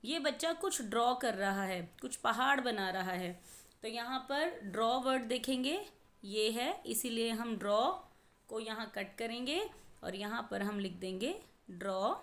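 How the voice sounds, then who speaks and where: A woman teaching a worksheet lesson to young children, gently instructive, slowly sounding out letters and blends. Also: on the high side, expressive.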